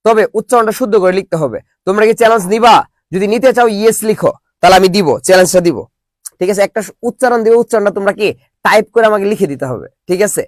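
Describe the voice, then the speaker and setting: High-voiced playful online teacher, man. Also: very fast, no echo. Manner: playful, drills students with call-and-response questions. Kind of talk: live online class.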